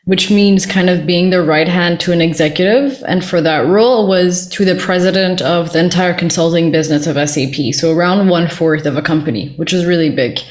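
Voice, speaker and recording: A young woman from Ethiopia, a guest on a podcast, talking in a relaxed conversational way over a remote call. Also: lowish voice, a little fast, few pauses. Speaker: podcast guest, career coach. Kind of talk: casual interview conversation.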